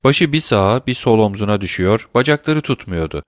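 A man narrating a classic novel as an audiobook in a measured, steady reading. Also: fairly low pitch, no room sound, studio quality.

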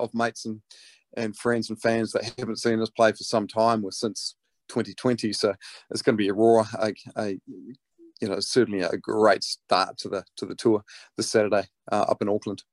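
A man's voice: lowish voice, little pitch movement, normal speed, no echo. Laid back kiwi guy, broad new zealand accent, chatting like a mate in an interview, very dry sound. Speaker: interviewed rock band lead singer. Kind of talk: casual interview chat.

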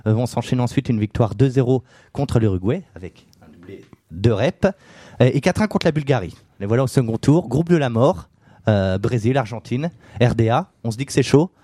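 A man's voice: mid-range voice, lively intonation, a little fast, dark tone, no echo, clean studio sound. A man on a casual podcast, telling football history in a loose storytelling way, with many fillers and jokes. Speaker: podcast co-host.

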